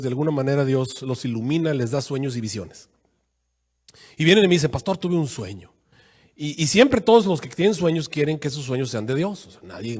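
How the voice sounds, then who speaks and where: A man preaching a sermon as pastor, acting out quoted voices with sudden jumps in pitch.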